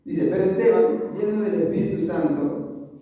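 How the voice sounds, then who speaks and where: A man's voice: high-pitched, moderate pace, warm tone. A man preaching a sermon, earnestly calling his listeners brothers and often correcting himself. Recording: echoey hall, distant mic, dull.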